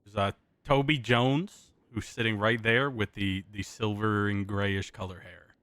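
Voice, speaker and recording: Low, bright-edged man, close and dry. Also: steady tone, a little slow, no room sound. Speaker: streamer role-playing an acting sheriff as witness. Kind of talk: improvised role-play testimony and casual commentary.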